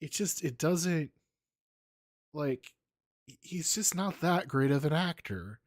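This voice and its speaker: A man's voice: fairly high pitch, slow. A man co-hosting a casual film podcast, opinionated, often hedging with "like". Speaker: podcast co-host. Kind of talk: casual chat.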